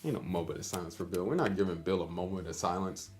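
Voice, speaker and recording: A man's voice: deep voice, quick pace, darkish tone, faint music behind. A man, streaming a casual chess lesson, joking with his chat in a hyper way.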